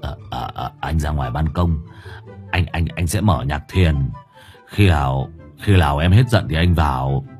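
A man's voice: rumbling low, unhurried, darkish tone, faint music behind, pitched below the performer's own voice. A man voicing a timid young man who stammers and pleads. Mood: pleading.

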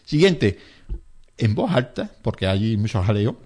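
A man's voice: fairly low pitch, very animated, measured pace, darkish tone. A man talking through emergency procedures in an interview. He speaks emphatically and repeats key steps for weight, sometimes slipping into the voices of panicked bystanders. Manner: emphatic, repetitive, acts out panicked bystanders in quotes. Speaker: first aid instructor. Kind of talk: explanatory interview talk.

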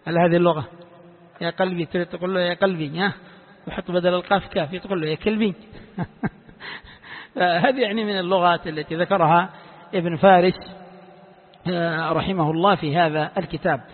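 A man's voice: high voice, fairly even intonation, fairly quick, pauses often. A man teaching Quran commentary to a class, who repeats key phrases and quizzes his students with questions as he explains. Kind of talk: classroom lecture. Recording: echoey hall, tinny phone-like sound.

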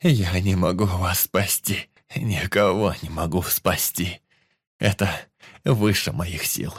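A man's voice: sits low, steady tone, slow, breathy edge, full character voice. A man voicing a despairing, guilt-ridden young male hero who cries out in anguish. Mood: broken despair. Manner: anguished shouting.

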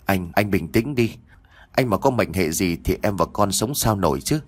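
A man's voice: low-pitched, lively intonation, moderate pace, slightly rough. A man voicing a tearful, devoted young wife. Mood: pleading. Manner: pleading, anxious.

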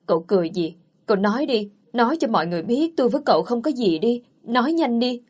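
A woman reading the part of a young wife who is quick to anger and sharp-tongued. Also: on the high side, animated, breathy edge. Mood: flustered.

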